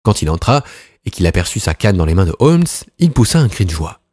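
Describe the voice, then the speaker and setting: A man narrating an audiobook in a measured, expressive storytelling manner, recorded close to the mic. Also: sits low, husky, dry recording. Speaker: audiobook reader. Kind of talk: scripted narration.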